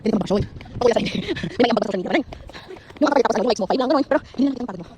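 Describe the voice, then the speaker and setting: A woman vlogging on a climb up long outdoor stairs, chatty and animated, out of breath, mixing in English and laughing often. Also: on the high side, very fast. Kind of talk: casual travel vlog chat. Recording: outdoor phone audio with clear background noise.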